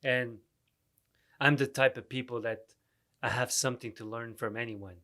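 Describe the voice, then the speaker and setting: A man's voice: medium pitch, steady tone, bright, forceful tone. A man who is a podcast guest and music producer, talking earnestly and reflectively in casual chat. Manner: earnest, reflective, slow-paced advice.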